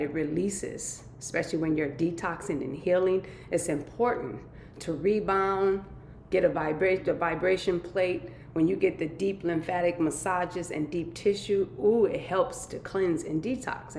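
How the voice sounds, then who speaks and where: A woman with a somewhat low, congested voice chats upbeat and casual through a live stream, leaning on catchphrases. She sounds a little nasal. The room is echoey, with a faint rumble underneath. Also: moderate pace, darkish tone. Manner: upbeat, chatty, repeats catchphrases. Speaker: vlogger hosting a weekly live stream.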